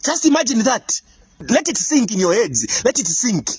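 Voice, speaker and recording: A man with a Zimbabwean accent, his voice sitting very high and husky, lectures his listeners in a scolding, preachy tone. His pitch swings widely from line to line, and he breaks into laughter now and then. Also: huge pitch swings, normal speed, darkish tone, no echo, studio quality. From Africa. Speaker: commentator. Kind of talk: impassioned monologue addressing leaders.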